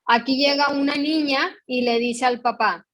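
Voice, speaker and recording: A woman's voice: high voice, fairly even intonation, moderate pace, fairly bright tone. A woman with a Mexican accent leading an emotional education workshop, explaining patiently and often checking in with her audience. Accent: Mexican Spanish. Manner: explanatory, asks the audience frequent checking questions; reads out picture dialogues in a storytelling tone. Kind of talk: online workshop talk.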